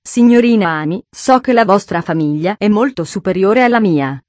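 A woman voicing a shy, gentle young man in love, who speaks earnestly and politely in a storybook reading. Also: mid-range voice, lively intonation, moderate pace, no echo, natural voice. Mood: earnest pleading.

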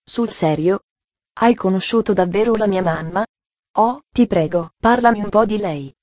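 A woman's voice: mid-range voice, normal speed, a little mellow, dry recording, lightly acted. A woman reading aloud and voicing a cheerful, eager little girl with an earnest way of talking.

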